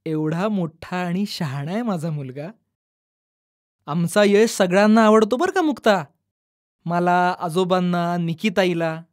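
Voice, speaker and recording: Woman voicing a mother, coaxing, gentle, storybook reading. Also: mid-range voice, expressive, a little slow, long pauses, natural voice. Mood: soothing. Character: patient coaxing young mother.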